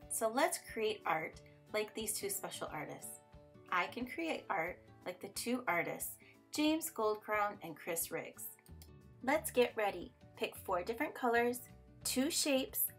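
Woman teacher doing a kids explainer voiceover, medium pitch, music behind. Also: lively intonation, a little slow. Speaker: narrator, art teacher. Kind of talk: scripted educational narration for children.

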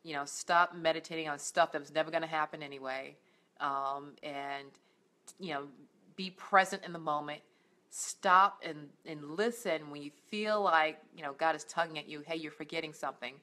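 Earnest woman with a deep, bright voice. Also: moderate pace. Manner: earnest, encouraging, many fillers and restarts. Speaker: life coach. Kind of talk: faith-based motivational vlog. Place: indoors at home, on a couch.

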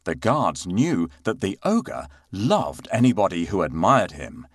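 A man narrating a bedtime fairy tale for children at a slow, deliberate pace. His voice is fairly low but leaps widely in pitch, adding playful sound effects. The recording is close and dry. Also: very animated, husky, no echo. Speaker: storyteller.

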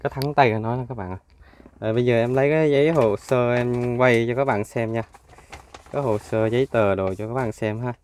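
A man's voice: mid-range voice, steady tone, fairly quick, darkish tone. Chatty Southern Vietnamese car salesman. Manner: chatty, upbeat sales patter with frequent fillers. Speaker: used car dealer. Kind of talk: casual walkaround sales video. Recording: engine noise and ambient clatter. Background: idling car engine.

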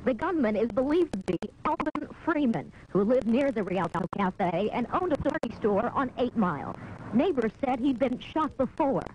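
A woman's voice: on the high side, lively intonation, normal speed, darkish tone. Woman news reporter on warbly, noisy tape. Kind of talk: scripted news narration. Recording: warbly warped 1980s tape, clear noise.

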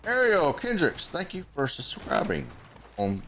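A man's voice: on the high side, huge pitch swings, unhurried, a bit bright, faint music behind. A man streaming a video game, chatting casually with friends and swearing freely as he grumbles at the game. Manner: chats with friends between gameplay. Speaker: gaming streamer. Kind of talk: casual let's-play commentary.

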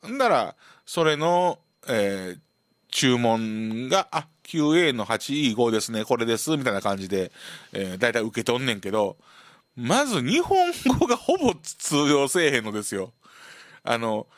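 A man's voice: medium pitch, dry recording, clean studio sound. A man with a Kansai accent hosting a radio show, telling a casual story and acting it out with sound effects. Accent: Kansai Japanese. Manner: animated, full of sound effects and acted-out voices. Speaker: radio host. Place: community radio studio.

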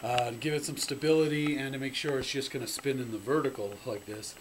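A man explains his homemade contraption in a casual, halting way, full of "uh"s and restarts. His voice sits at an ordinary middle pitch. The handheld camera mic picks up clear background noise and clicks. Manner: halting, thinking aloud with fillers and restarts. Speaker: hobby builder demonstrating a prototype. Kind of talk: casual home-video demo.

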